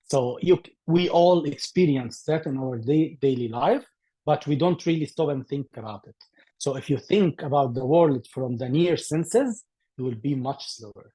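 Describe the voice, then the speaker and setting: A man's voice: medium pitch, normal speed, mellow, breathy edge. A man from Egypt, a guest presenter on a video call, explaining his approach to teaching deafblind children in careful, phrasing. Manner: earnest, explanatory, careful non-native phrasing. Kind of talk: online group discussion.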